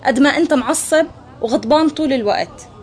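A woman's voice: high-pitched, quick pace, a little mellow, close to an everyday voice. A woman playing a young friend who reasons with him and reproaches him. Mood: concerned.

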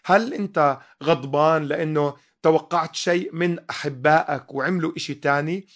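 A man's voice: fairly high pitch, fairly bright tone. A man giving a teaching sermon, emphatic and full of rhetorical questions.

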